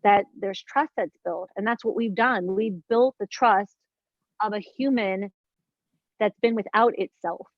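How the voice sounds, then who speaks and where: An earnest woman of fifty, a guest in a relaxed spiritual conversation, searches for words and circles back as she thinks aloud, speaking unhurriedly at an ordinary pitch for a woman. The dull, lo-fi recording sounds dry and close, with no room sound.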